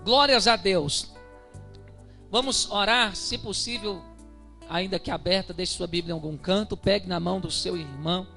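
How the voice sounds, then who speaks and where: High-voiced fervent male preacher. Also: moderate pace, vocal fry, bright, forceful tone, soft background music. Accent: Brazilian Portuguese. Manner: fervent preacher, leads congregation in prayer. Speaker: minister. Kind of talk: sermon and prayer. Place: church hall.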